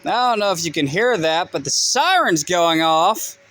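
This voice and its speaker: A man vlogging casually outdoors on a rural delivery route, rambling and swearing as he records on his phone. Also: normal speed. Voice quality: profane, rambling, lively swings in pitch. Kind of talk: casual vlog.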